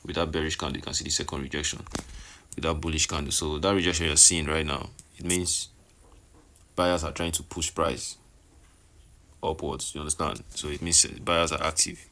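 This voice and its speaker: Male trading vlogger, deep register, casual and repetitive delivery, noisy on-location recording. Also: fairly even intonation, normal speed, bright, forceful tone. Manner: repeats phrases, checks listener understands. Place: on location, partly in a noisy hospital. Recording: noisy background, uneven level.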